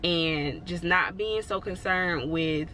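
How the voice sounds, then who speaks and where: A woman's voice: fairly low pitch, takes it slowly, bright, forceful tone, a little hiss or hum. A woman vlogging in a casual, rambling way, encouraging her viewers and filling her talk with "like" and "you know". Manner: encouraging, reassuring. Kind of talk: casual motivational talk to camera.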